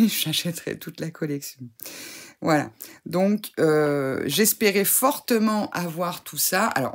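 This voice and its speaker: A woman who is ill talks to camera in a relaxed, chatty way, full of fillers and eager praise. Her voice sits low and sounds rough and fry-laden, with a breathy huskiness from her cold. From France. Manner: enthusiastic, chatty, many fillers and gushing praise. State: sick, voice affected. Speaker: scrapbooking crafter reviewing a subscription box. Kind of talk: casual unboxing chat to camera.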